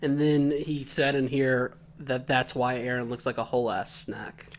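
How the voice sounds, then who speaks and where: A man's voice: medium pitch, flat delivery, moderate pace. A man co-hosting a podcast, recapping an episode from his notes in a casual, joking way and laughing often. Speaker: podcast co-host.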